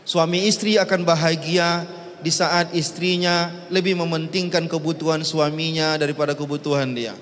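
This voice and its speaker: A man. He is lively and jokey, pushing his pitch up and down for emphasis. The sound carries a long reverb, as in a big hall. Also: moderate pace, slight background noise. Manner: lively, jokey, rising and falling emphatic delivery. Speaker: preacher. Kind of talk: sermon.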